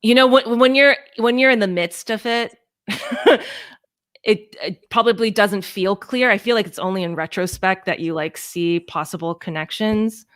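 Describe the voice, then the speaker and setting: Her voice is mid-range and a bit bright, with a moderate pace. Born in the US and from Hong Kong, she appears as a guest puppeteer and storyteller, talking informally and modestly, hesitating while she thinks out loud in the interview.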